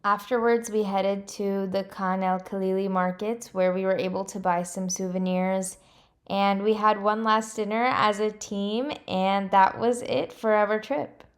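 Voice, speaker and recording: A woman's voice: medium pitch, unhurried, echoey room. Chatty young woman vlogger. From California. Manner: relaxed, chatty, frequent "um" fillers. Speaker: travel vlogger. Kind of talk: casual voice-over narration.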